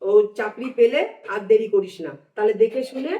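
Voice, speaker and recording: A woman playing a nagging elder aunt, high and quick. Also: recorded from a distance, phone-quality sound, lightly acted. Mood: persuading. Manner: scolding, insistent. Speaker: elder aunt in family skit.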